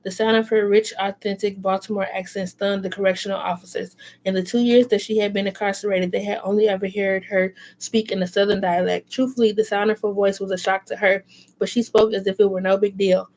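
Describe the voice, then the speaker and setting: A woman's voice: medium pitch, little pitch movement, fairly quick, a little mellow, low-quality recording. A woman reading a novel aloud, with occasional self-corrections and brief asides. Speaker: reader.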